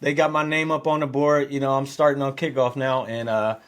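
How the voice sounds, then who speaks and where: A middle-aged man, a former football player, telling a story as a podcast guest, growing lively and loud as he acts out the scenes. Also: fairly quick. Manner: animated storyteller, gets louder and higher when excited. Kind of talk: storytelling in an interview.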